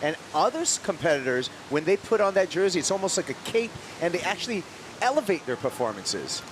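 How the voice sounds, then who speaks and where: Laid-back male surf announcer, noisy broadcast. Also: sits high. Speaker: surf contest commentator. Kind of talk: live sports commentary. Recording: steady hiss and outdoor rushing noise.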